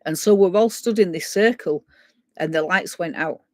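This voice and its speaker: A woman tells a ghost story in a casual way, often clearing her throat and acting out the voices of the people she quotes. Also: fairly low pitch, normal speed, no echo. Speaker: guest storyteller.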